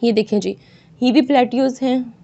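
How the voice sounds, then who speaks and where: A woman teaching an exam-prep lesson over a screen recording, reading English lines slowly and explaining them with constant "theek hai" checks. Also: a little high, steady tone, vocal fry, dark tone. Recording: dull lo-fi voice-over.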